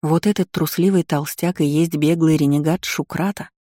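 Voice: medium pitch, fairly even intonation, moderate pace, dark tone, dry recording, studio quality, natural voice. A reader voicing a cruel, scheming vampire woman who mocks everyone with contempt. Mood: scornful. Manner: mocking, contemptuous, theatrical laughter.

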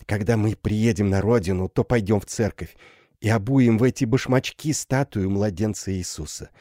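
A man's voice: fairly high pitch, animated, unhurried, dark tone, no echo, studio quality, voice pushed up. A man voicing a half-mad older woman, a recluse mother, who talks wildly and tearfully in an audiobook. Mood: ecstatic. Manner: wild, tearful, swinging between joy and terror. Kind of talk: audiobook character voice.

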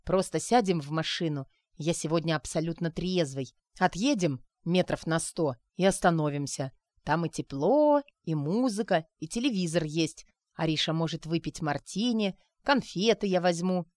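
A woman's voice: on the low side, expressive, normal speed, darkish tone, no room sound, lightly acted. A woman reading aloud and voicing a well-groomed man who speaks earnestly and a little hesitantly. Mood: eager.

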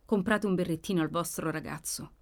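A woman voicing a worn, anxious young woman in an audiobook, speaking hushed and restrained with a trembling edge. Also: lowish voice, brisk, close to an everyday voice. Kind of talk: audiobook character reading.

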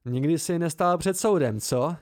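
A man voicing a weary, soft-spoken innkeeper in an amateur audiobook, with a raised, plaintive delivery. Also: a little high, no echo, clean studio sound, pitched above the performer's own voice, natural voice.

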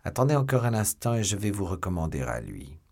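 A man reading an audiobook, voicing a stern, sardonic English baron in a measured tone. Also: low voice, big pitch swings, darkish tone, husky, heavily acted. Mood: mocking. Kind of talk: audiobook character voice.

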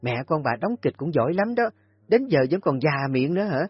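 A man voicing a spiteful, sharp-tongued young daughter-in-law in an audio story, shrill and mocking. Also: expressive, moderate pace, breathy edge, no echo. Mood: scornful shouting. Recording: dull lo-fi audio with faint music.

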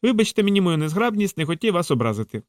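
Male narrator as a fawning young man, overly apologetic, higher voice, audiobook. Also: very animated, fast talker, no echo, clean studio sound. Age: young adult. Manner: over-apologetic, gushing. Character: young ragged man, fawning and falsely clumsy.

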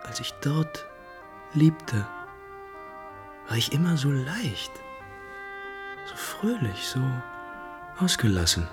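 A man's voice: mid-range voice, big pitch swings, slow pace, pauses often, music in the background. An actor playing an imperious, moody, lovesick prince in classical German stage drama, theatrical and declamatory, lingering on his words. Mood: wistful.

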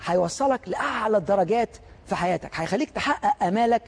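A man with an Egyptian accent giving an animated motivational lecture, full of stories and rhetorical questions to the audience. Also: sits high, fast talker. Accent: Egyptian Arabic.

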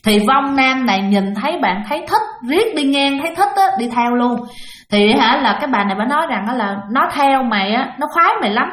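A woman's voice: sits high, expressive, brisk, fairly bright tone. A woman narrating a ghost story in a chatty way, often speaking straight to her listeners. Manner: chatty, addresses listeners directly. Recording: roomy echo.

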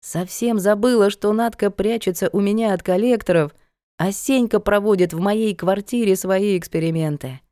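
A woman reads a first-person story aloud in a wry, conversational way. Her voice is mellow and dark at a middle pitch. The recording is close and dry. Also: normal speed, dry recording. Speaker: audiobook narrator. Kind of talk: first-person audiobook narration.

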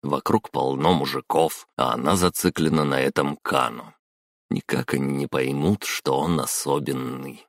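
A man narrating a story in an even storytelling manner. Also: extremely low pitch, moderate pace, vocal fry, no room sound. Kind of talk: audiobook narration.

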